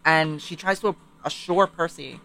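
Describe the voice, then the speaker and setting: A man recapping a novel in casual chat, animated and profane, sometimes reading passages aloud. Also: fairly high pitch, a little slow, gravelly, poor audio. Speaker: book podcast co-host.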